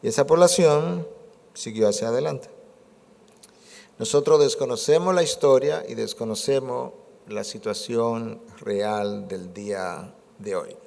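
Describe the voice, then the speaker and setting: A man's voice: medium pitch, unhurried, gravelly, mellow, big-room sound. A pastor in his sixties preaching a sermon, building his points with rhetorical questions and repeated phrases. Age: 60s. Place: church sanctuary.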